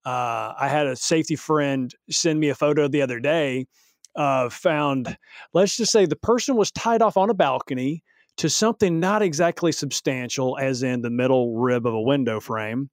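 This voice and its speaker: A man's voice: mid-range voice, normal speed, no echo, clean studio sound. A man who works in workplace safety, talking casually on a podcast and acting out the reactions he quotes. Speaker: safety professional and co-host.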